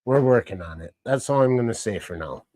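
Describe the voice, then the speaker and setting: A man's voice: mid-range voice, expressive, fairly quick, warm tone, no room sound. Rambling man hosting a livestream. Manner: rambling, greets chat viewers by name. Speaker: livestream host. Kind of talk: casual live-chat rambling.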